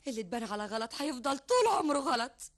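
Weary wife, Egyptian accent, radio drama, high voice, quick speech. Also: female voice, very animated. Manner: weary, wistful, quietly insistent. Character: weary wife Kawthar, longing to leave.

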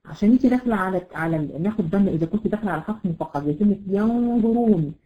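An Egyptian woman teaches a recitation class in a patient, even way, stretching out each example word. Her speech is full of small fillers. The sound is dull and lo-fi, as over an online call. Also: medium pitch. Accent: Egyptian Arabic. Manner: patient, drawn-out example words, frequent fillers. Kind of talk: online tajweed lesson.

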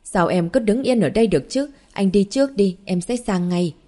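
A woman reading the lines of a caring young wife and mother in an audiobook, speaking softly with a worried edge. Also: medium pitch, lively intonation, moderate pace, lightly acted.

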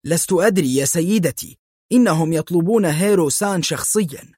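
A worried henchman, as a male narrator voices him, his voice lifted a little and tense with unease. He reports in short, anxious lines, husky in tone, in this audiobook tale. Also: on the high side, animated, brisk, a little mellow, no echo, studio quality, pitched above the performer's own voice.

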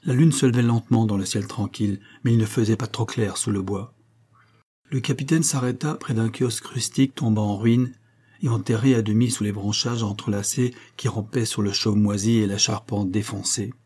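A man reading a French novel aloud as audiobook narration, measured and even. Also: fairly low pitch, breathy edge. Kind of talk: scripted narration.

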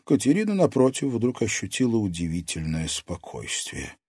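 A man with a low voice narrates a fantasy story, his pitch rising and falling in lively arcs. The recording is dry and close, with no room echo at all. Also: normal speed, husky. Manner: expressive storytelling. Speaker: audiobook narrator. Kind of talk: scripted narration.

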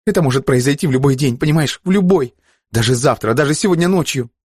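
A man's voice: medium pitch, animated, fast talker, a little mellow, slightly rough, no room sound, clean studio sound, pitched above the performer's own voice. A male audiobook narrator voicing a frightened young woman who pleads urgently.

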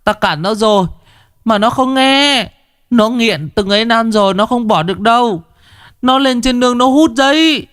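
A man's voice: normal speed, smooth, no echo, studio quality. A man putting on a wailing distraught village wife. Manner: sobbing, pleading, high-pitched.

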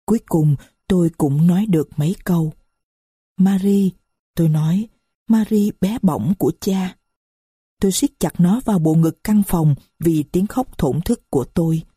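Woman audiobook narrator, husky low voice, grave and sorrowful storytelling, dry sound. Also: brisk, warm tone, dry recording. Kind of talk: scripted story narration in first person.

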